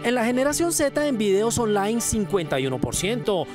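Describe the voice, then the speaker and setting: A man's voice: sits high, big pitch swings, moderate pace, over music. A man presenting a news segment, reading a scripted voice-over in an emphatic, punchy way.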